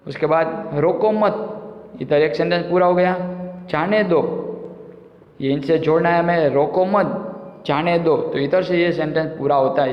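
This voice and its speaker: Man teaching grammar, fairly high voice, patient and repetitive, echoey room with long reverb, dull lo-fi sound. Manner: patient, repeats points and asks the class questions. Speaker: school teacher. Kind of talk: explaining a Hindi grammar lesson.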